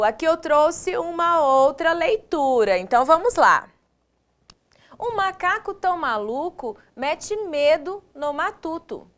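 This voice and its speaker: A woman's voice: high voice, fairly bright tone. A Brazilian woman teaching young children, drawing out syllables, asking questions and praising the pupils. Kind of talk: online lesson for children.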